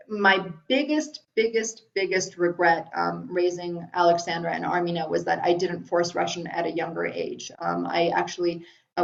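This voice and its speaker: On a lo-fi video call with roomy, dull audio, a middle-aged woman from Iran answers viewer questions in a chatty home webinar, stumbling into frequent ums and restarts. She speaks on the low side with a creaky quality.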